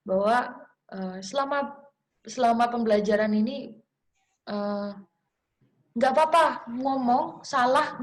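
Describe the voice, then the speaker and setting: A young woman teacher gives an informal class lecture, talking in a chatty, encouraging way with many fillers and restarts. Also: mid-range voice. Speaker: English teacher.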